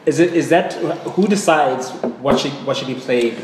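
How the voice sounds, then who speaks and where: A man's voice: medium pitch, moderate pace, very noisy. A young man asking questions as a casual interviewer. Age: young adult. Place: indoor bar-restaurant. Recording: roomy restaurant sound with music.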